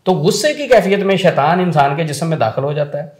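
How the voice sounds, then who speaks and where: A man's voice: a little high, lively intonation, fast talker, a little mellow, echoey room. A man speaking as a spiritual healer on a religious talk show, explaining earnestly in numbered points and quoting sayings.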